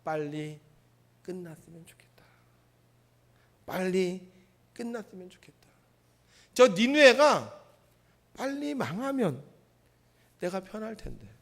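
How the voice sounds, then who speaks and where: A man's voice: high voice, big pitch swings, takes it slowly, creaky, long pauses, a bit bright, heavily acted. A male preacher voicing Jonah, a resentful grown prophet grumbling with self-pity during a sermon. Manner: grumbling, self-pitying complaints.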